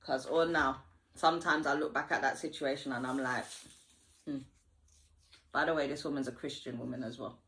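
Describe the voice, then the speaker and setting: A woman, telling a story to her viewers in a lively vlog chat with slang and dialect voices. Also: rumbling low, moderate pace, pauses often, a little hiss or hum. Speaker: vlogger. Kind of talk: storytime while getting ready. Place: home.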